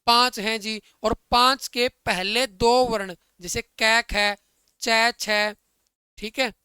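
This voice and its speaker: A man teaching Hindi grammar in an online exam-prep lesson, calling his listeners brother and dear friends and checking again and again that it is clear. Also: very high voice, fairly even intonation, slow pace, sharp tone, dry recording. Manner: keeps asking students if it is clear.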